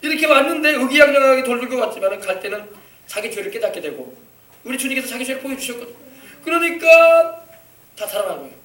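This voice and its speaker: Pastor addressing kids, lively and questioning; man with very high voice, far from mic. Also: quick pace. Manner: animated, coaxing, asks the children questions. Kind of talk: children's sermon. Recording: echoey church from far off.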